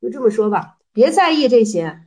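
A woman's voice: a little high, sing-song, fairly quick, darkish tone. A woman teaching a study group in a casual way, explaining old stories and dialogues. She often repeats phrases and acts out the dialogue in a livelier voice.

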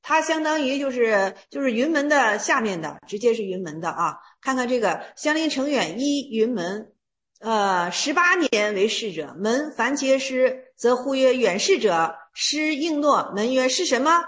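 A woman teaching a class on Chan Buddhist texts. She reads each passage slowly, then retells it in plain speech, repeating herself and using fillers. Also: a little high, expressive, a bit bright. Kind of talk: reading and explaining old texts in a class.

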